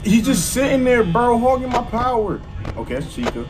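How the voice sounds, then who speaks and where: A young man streaming horror games with scared, excitable, slangy reactions and yelling at jumpscares. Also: very high voice, moderate pace, over music. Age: young adult. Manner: casual slangy speech. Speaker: gaming streamer. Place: small indoor gaming room.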